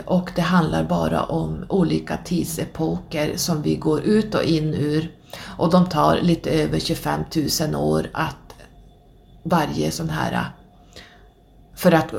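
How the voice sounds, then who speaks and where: A woman's voice: low voice, gravelly, darkish tone. A woman hosting a podcast, talking alone in a rambling, casual way with many hesitations and restarts. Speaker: podcast host.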